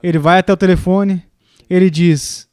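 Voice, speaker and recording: A man's voice: fairly even intonation, normal speed, darkish tone, clear, resonant tone, no echo, studio quality. A man preaching a sermon, telling stories and acting out what people say. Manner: storytelling with acted quotes, rising pitch in the quoted lines.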